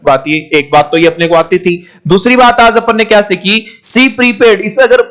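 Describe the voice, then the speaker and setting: This grammar lecture comes from a man with a high, slightly bright voice at normal speed. He quizzes the class, repeats their answers, and calls the students "my children" while teaching English.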